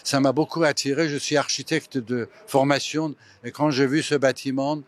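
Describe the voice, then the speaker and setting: An older man from Iran, a photographer giving a slow, hesitant interview statement full of fillers. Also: mid-range voice, steady tone.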